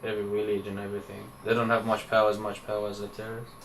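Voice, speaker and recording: A man's voice: fairly low pitch, monotone, very fast. A young man giving brief, plain interview answers. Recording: distant mic, faint hiss.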